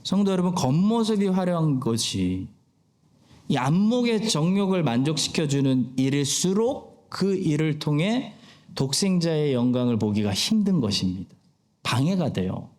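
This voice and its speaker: Lively-voiced man preaching a sermon. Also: a little high, normal speed. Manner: expository preaching with rhetorical questions. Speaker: pastor. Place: church sanctuary.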